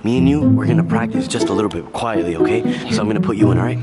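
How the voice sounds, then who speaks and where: A man's voice: on the low side, very fast. A young man vlogging casually by a backyard pool, rambling and repeating himself with lots of fillers. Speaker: prank vlogger. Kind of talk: casual vlog talk. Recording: loud music playing over the voice. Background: music.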